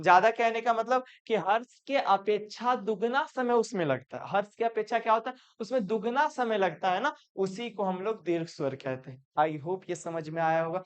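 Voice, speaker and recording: Clear-voiced grammar teacher. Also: male voice, sits high. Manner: repetitive, asks and answers his own questions. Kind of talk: classroom grammar lesson. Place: classroom with students.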